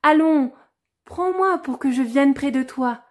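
A woman voicing a pleading, insistent little frog at a well in a fairy-tale reading, calling out high and loud. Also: unhurried. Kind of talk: storybook reading.

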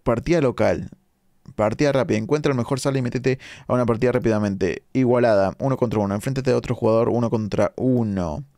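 A man's voice: mid-range voice, dark tone, no echo, studio quality. A young Argentine man with a Rioplatense accent, streaming a game late at night and chatting with viewers as he reads out their comments. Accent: Rioplatense Argentine Spanish. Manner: chatty, reads chat comments aloud, quick asides. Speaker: live-streaming gamer. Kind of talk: casual live-stream commentary reading chat.

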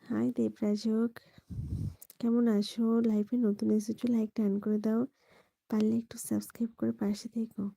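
A woman from West Bengal hosts a late-night live stream from home, keeping her voice soft and hushed, close to a whisper. Her tone is very dark and gravelly, with a husky edge. She sounds dry and close on the phone mic with no room around her. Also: on the high side, completely flat delivery, moderate pace, no echo, poor audio. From West Bengal, India. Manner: greets viewers by name and repeats the same subscribe request. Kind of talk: late-night live-stream chat reading out viewer comments.

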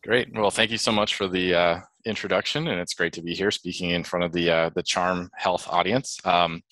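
A man with a deep, low voice walks through a webinar presentation in a steady, explanatory way, with the odd filler and restart. The sound is dry and close, with no room around it. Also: moderate pace, dry recording, low-quality recording.

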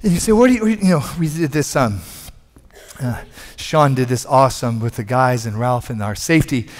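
A middle-aged pastor with a mid-range voice preaches at normal speed on a large indoor church stage, using a headset mic. He leans on emphatic repetition that builds in force, and the recording carries a long hall reverb.

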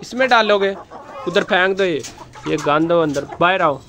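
A man, filming his rooftop chickens on a handheld phone and gently guiding children as they feed the birds. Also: sits high, normal speed. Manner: gentle, instructive, often coaxing the children. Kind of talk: casual narration while filming, talking to children. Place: outdoor rooftop with chicken coops. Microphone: handheld phone camera, first-person.

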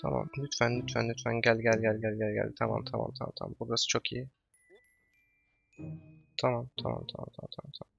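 A male gaming host with a gravelly, bright, edgy voice who keeps up a running let's play commentary, muttering the same words to himself over and over and now and then breaking into loud yells and curses. The sound is dull and lo-fi, with faint music underneath. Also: mid-range voice, flat delivery, a little fast, pauses often. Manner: coaches himself, repeating words under his breath; sudden yelling and cursing outbursts.

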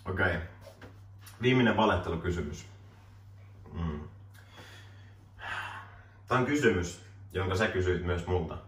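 Low-voiced young man hosting, roomy distant audio. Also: animated, pauses often, a bit bright. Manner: laughs often, reads questions off a phone. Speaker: host asking questions. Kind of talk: casual joking interview. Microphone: camera mic from a distance. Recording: roomy distant camera audio, faint hiss.

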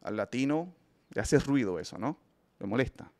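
A man's voice: mid-range voice, lively intonation, normal speed, gravelly. A man hosting a film review show, giving opinionated casual commentary and speaking emphatically to his listeners, often restarting his sentences. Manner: emphatic, addresses listeners directly, frequent restarts.

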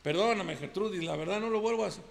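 A man's voice: sits high, animated, unhurried, vocal fry, bright, forceful tone, in a large hall, full character voice. A Mexican man playing a boastful, henpecked macho ranchero who rambles through defensive denials. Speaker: comedian.

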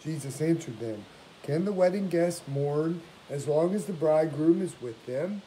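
An older man in the role of priest delivers liturgy with solemn, measured formality. His voice sits a little high for a man. A faint hiss runs behind his prayers and readings in a home recording. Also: expressive, warm tone, rough recording. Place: small domestic room indoors.

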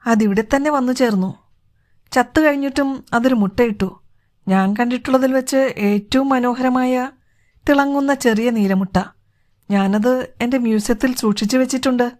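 A woman voicing a confident male detective in an audiobook, speaking in a measured, self-assured way. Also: on the high side, a little mellow, pitched above the performer's own voice, lightly acted. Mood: composed.

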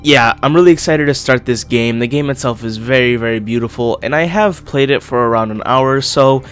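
A young gaming YouTuber hosts casual let's-play commentary while recovering from an illness, sounding slightly congested and talking around a swollen lip. His medium-pitched voice is a bit bright and a little fast, with faint music in the background.

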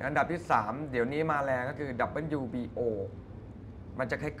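A man talking as a guest in a casual chat, calmly explaining things in detail. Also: mid-range voice, brisk, noisy background. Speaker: guest musician.

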